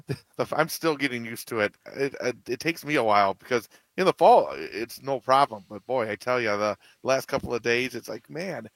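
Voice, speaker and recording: A man's voice: mid-range voice, moderate pace, vocal fry, a bit bright, no room sound. A man, a local sports radio announcer, chatting as a guest in a rambling way with many restarts. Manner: rambling, lots of restarts and fillers. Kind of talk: casual radio chat.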